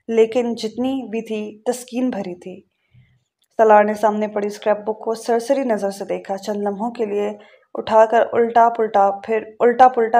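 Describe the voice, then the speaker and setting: A woman narrating a novel aloud in a calm, measured way, now and then correcting a word. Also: mid-range voice. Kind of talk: audiobook reading of a novel.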